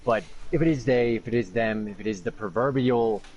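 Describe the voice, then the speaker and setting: A man at a mid-range pitch co-hosts a loose podcast chat. His talk rambles and turns sardonic, and he swears offhandedly as he goes. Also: a little fast, a little mellow, dull audio. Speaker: podcast co-host. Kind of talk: casual chat.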